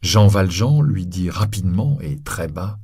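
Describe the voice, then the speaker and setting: A man narrating a story for listeners in a slow, expressive way. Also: low-pitched, slightly rough, dry recording, studio quality.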